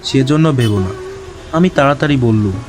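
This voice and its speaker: A narrator voices a kindly young doctor, just qualified, recounting his tale in a reflective, literary first-person script that includes dialogue. He speaks briskly in a natural mid-range voice with lively intonation, a clear music bed underneath.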